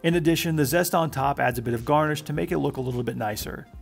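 Guy doing a quick recipe voiceover, matter-of-fact, a bit of fry in the voice. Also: on the high side, soft background music. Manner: brisk, matter-of-fact instructions. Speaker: cooking channel host. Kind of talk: scripted recipe voice-over.

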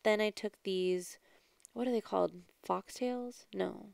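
A woman giving a casual, chatty do-it-yourself voice-over as a craft vlogger, with a creaky yet smooth voice. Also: medium pitch, a little slow, a little mellow, dry recording. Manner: chatty, informal. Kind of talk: casual DIY voice-over narration.

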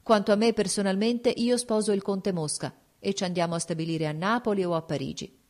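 A woman's voice: medium pitch, fairly even intonation, brisk, darkish tone, voice pushed up, close to an everyday voice. A woman reading an audiobook, voicing a shrewd, composed court duchess who speaks frankly and persuasively.

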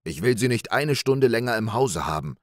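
A man voicing a gullible, boastful middle-aged farmer in an audiobook fairy tale, gruff and eager. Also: medium pitch, lively intonation, normal speed, dry recording, studio quality, close to an everyday voice.

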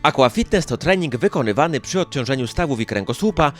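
Over background music, a man with a mid-range voice narrates a local news chronicle from a script. His newsreel delivery is animated and fast.

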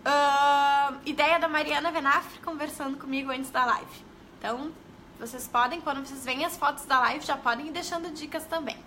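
On a live stream, a young Brazilian woman who teaches early literacy chats casually in a high, bright voice, greeting viewers and tagging her sentences with questions. Her tone is sharp, forward and steady, her speed normal, and her Brazilian Portuguese accent is clear. There's a little hiss or hum in the audio.

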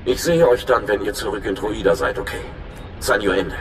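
Earnest and eager, a man with a lowish, animated, natural voice plays a video game's nervous, friendly young undercover informant, speaking at a moderate pace in a chatty, informal, slightly anxious way. Clear music sits behind the voice, and the reverberant recording has a little hiss or hum.

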